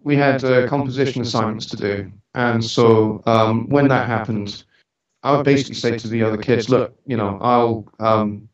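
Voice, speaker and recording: A musician and studio owner in his forties talks as an interview guest, his accent a mix of Scottish and British from a Scottish birth and a childhood spent travelling the UK. His mid-range voice holds a steady tone and moderate pace while he tells easygoing, informal stories with gentle jokes. Recorded from afar in a reverberant room, the sound comes across dull.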